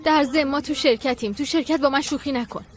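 A woman's voice: high-pitched, a little hiss or hum, close to an everyday voice. A woman dubbing a proud young woman in a drama, curt and defensive.

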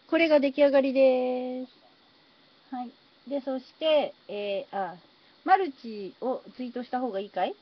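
A woman live-streaming from her phone, chatting casually and thanking viewers for their comments as she builds. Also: high voice. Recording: slightly dull phone stream audio, faint noise.

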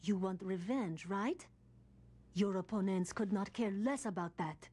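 A woman voicing a taunting character in a video game cutscene, speaking in a slow, mocking way. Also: medium pitch, mellow, slightly rough. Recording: game audio under commentary, faint noise.

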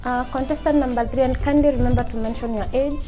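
A soft-spoken Kenyan woman in her twenties, politely questioning men on a dating show in a TV studio. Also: sits high, steady tone, quick pace, music in the background. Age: 20s.

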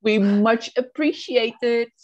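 A woman's voice: fairly high pitch, slow, a little mellow, lo-fi sound. A woman co-hosting a casual podcast chat, mostly chiming in with short agreeing replies. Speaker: co-host.

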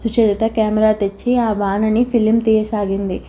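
A woman reading a novel aloud as an audiobook narrator, in a steady, even storytelling voice. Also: mid-range voice, moderate pace, muffled recording.

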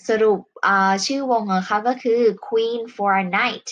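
A woman's voice: on the high side, steady tone, a bit bright, dull audio. Thai woman teaching English patiently. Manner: patient, explains slowly, ends phrases with polite particles. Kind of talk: online English lesson.

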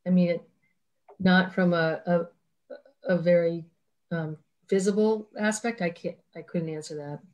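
A fairly low-voiced woman on a town board answers questions in a remote meeting. She stops and restarts often as she works out her answers. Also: fairly even intonation, measured pace, pauses often, darkish tone. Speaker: board member. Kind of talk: public meeting discussion.

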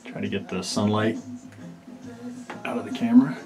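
Male boat owner, low voice, halting casual tour narration, camera mic in a small cabin. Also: music in the background. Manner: relaxed, halting with frequent fillers. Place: inside a sailboat cabin. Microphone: handheld camera mic, speaker off camera.

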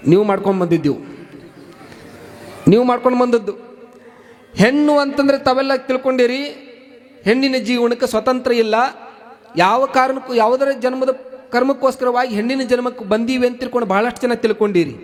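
A man's voice: very high voice, normal speed, pauses often. A man with a North Karnataka Kannada accent preaching a devotional sermon as a story, repeating phrases and putting rhetorical questions to the audience. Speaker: religious preacher.

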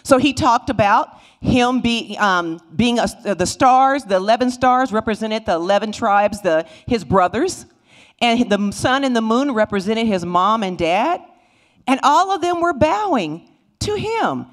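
A middle-aged woman teaches a Sunday school lesson in a church sanctuary, speaking into a handheld microphone. Her voice sits high and climbs and falls widely. She tells the stories in an animated way, slipping into voices for the people in them. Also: a little slow. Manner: animated storytelling, voices the Bible figures.

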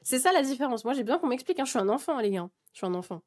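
Animated young woman streamer ranting. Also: high voice, racing. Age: 20s. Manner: heated, swears freely, many restarts. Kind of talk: casual rant to chat.

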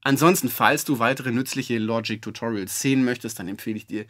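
A man giving a relaxed, chatty music-software tutorial, with fillers and self-corrections. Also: medium pitch, brisk, dry recording. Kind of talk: screen-recorded software tutorial.

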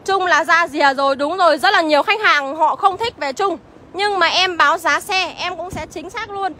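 A woman's voice: extremely high pitch, moderate pace, sharp tone. A woman with a Northern Vietnamese accent livestreaming from a used car lot, chattily rattling off car features and prices. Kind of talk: livestream sales pitch.

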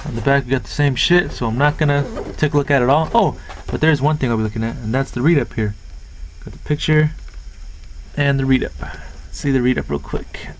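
A man's voice: medium pitch, fairly quick, a little hiss or hum, low-quality recording. Easygoing man rambling through a toy review. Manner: rambling, swears casually, stumbles over words.

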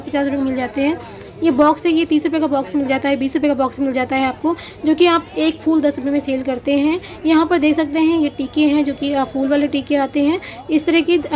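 The recording is muffled as this woman, high-pitched with a darkish tone, leads viewers around an outdoor street market. Holding her phone with the camera on the merchandise, she chats about prices with frequent hesitations.

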